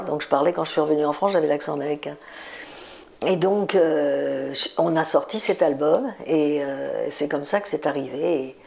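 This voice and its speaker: A woman's voice: low-pitched, creaky, darkish tone. A woman in her seventies, a singer, telling stories in a chatty interview, repeating words for emphasis. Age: 70s. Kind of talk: relaxed interview storytelling.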